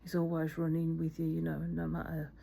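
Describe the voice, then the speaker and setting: A woman's voice: low voice, monotone, fairly quick, gravelly, dark tone, slight background noise. A middle-aged woman, talking casually about faith with many fillers and restarts. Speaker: faith vlogger. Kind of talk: casual spoken reflection.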